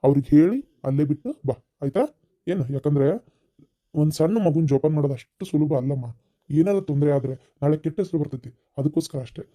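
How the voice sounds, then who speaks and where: A man voicing a patient father-in-law in a cartoon, with a North Karnataka accent and a calm, soothing way of reasoning. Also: fairly high pitch, close to an everyday voice. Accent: North Karnataka Kannada.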